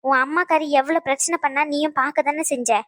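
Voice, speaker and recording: A woman's voice: high voice, steady tone, fast talker, a bit bright, dry recording. A woman doing cartoon dub voice acting in a bossy, scolding manner. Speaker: cartoon voice actor.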